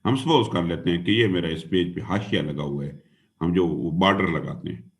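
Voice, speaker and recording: A man's voice: low voice, moderate pace. A man giving a classroom lecture as an exam-prep teacher. He calls his students "dear student" and "son", spells words out letter by letter, and mixes English into his talk. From Pakistan.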